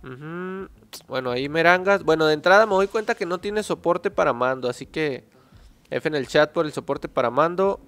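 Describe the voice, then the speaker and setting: A man's voice: on the high side, expressive, moderate pace, a bit bright. A man with a Mexican accent giving casual, joking gameplay commentary, full of slang, reading the game text aloud. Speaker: gaming youtuber.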